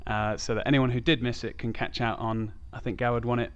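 A man's voice: mid-range voice, level tone, brisk, clear, resonant tone, lo-fi sound. A man hosting a podcast, talking casually about sport. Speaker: podcast host.

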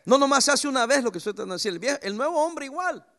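A man preaching a sermon as pastor, lively and anecdotal, with sudden jumps in pitch. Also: very fast.

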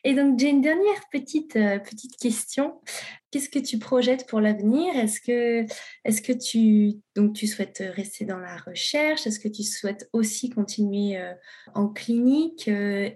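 A woman's voice: a little high, a little slow, warm tone. A woman hosting a podcast, asking friendly questions with hesitant restarts. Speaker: podcast host. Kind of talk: podcast interview.

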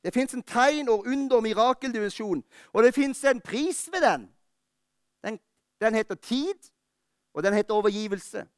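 A high-voiced man preaches with fervour, pressing hard and then easing into close, personal words. His tone is smooth and resonant, and the sound is dry and close to the mic, with little room around it. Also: animated, dry recording. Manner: fervent preaching that drops to quiet, intimate talk. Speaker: pastor. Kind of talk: sermon. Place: church.

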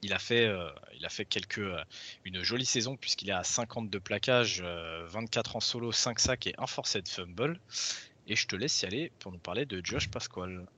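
A man's voice: fairly low pitch, moderate pace, bright, forceful tone, husky. A man hosting a casual sports analysis discussion, speaking in hesitant phrases peppered with English jargon. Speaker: sports podcast host. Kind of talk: casual American football draft analysis.

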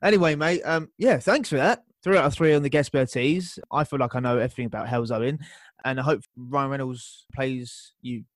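A man's voice: medium pitch, brisk, no echo, clean studio sound. A man hosting a podcast, running a casual quiz with friendly teasing. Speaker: podcast host.

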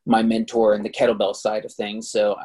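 A man who is a guest on a casual podcast, talking in a relaxed, reflective way with plenty of fillers. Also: on the low side, fairly quick, breathy edge. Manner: relaxed and reflective, laid-back filler-heavy speech. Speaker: guest, Muay Thai fighter and kettlebell trainer.

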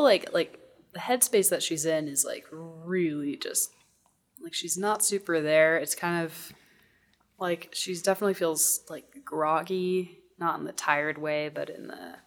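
Slow-talking woman playing a tabletop game. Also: on the low side. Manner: hesitant, with many fillers. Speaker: player. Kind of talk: casual tabletop role-play.

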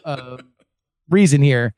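A man's voice: medium pitch, a little slow, dark tone, no room sound. A man co-hosting a podcast in casual chat, earnestly laying out his arguments point by point. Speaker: podcast co-host.

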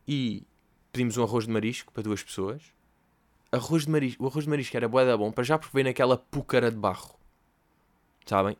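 A young man with a European Portuguese accent, hosting a casual comedic podcast and rambling through stories with slang and swearing. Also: medium pitch. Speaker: podcast host.

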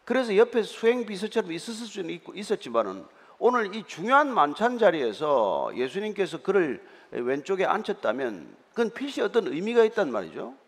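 Male pastor, explanatory sermon, higher voice, very animated intonation. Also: brisk. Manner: explanatory, conversational preaching with frequent hesitation fillers. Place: church sanctuary. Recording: reverberant church hall.

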